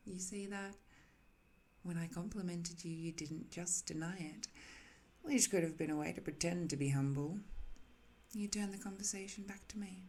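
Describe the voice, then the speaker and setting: In an intimate ASMR roleplay, a woman voices an ancient imprisoned villainess who is haughty yet infatuated. Her voice is on the low side and soft, mixing condescending teasing with tender, hesitant pauses.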